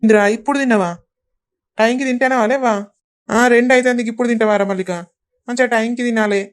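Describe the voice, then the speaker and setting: A woman's voice: a little high, steady tone, fast, voice pushed down, close to an everyday voice. A woman voicing a mildly drunk, jokey village brother-in-law with a Telangana Telugu accent.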